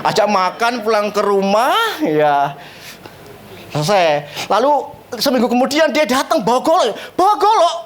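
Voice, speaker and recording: Male pastor, animated and funny storyteller, swooping lively delivery, higher voice, church sermon. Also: moderate pace. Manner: animated, joking, laughs often at his own stories.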